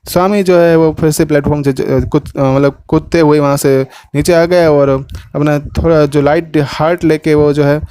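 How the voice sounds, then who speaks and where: A man with a Gujarati accent teaches a lesson and retells a story at length. His voice is smooth and clear and sits a little high for a man. He drops into the characters' lines as he narrates them. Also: steady tone, normal speed, mellow, dry recording. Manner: retells the story in Hindi with English words, acting out quotes.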